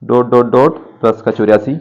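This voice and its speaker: A man's voice: mid-range voice, steady tone, normal speed, darkish tone, highs cut off. Male maths teacher, talking in a classroom, teasing and counting out sums aloud. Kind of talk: classroom lecture.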